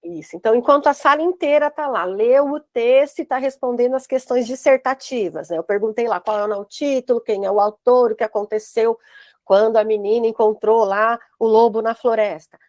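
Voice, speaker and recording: A woman's voice: a little high, fairly quick, darkish tone, no room sound, studio quality. A Brazilian woman running an online course for teachers, explaining step by step on a video call. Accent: Brazilian Portuguese. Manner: explanatory, uses many "né?" tags. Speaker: course instructor.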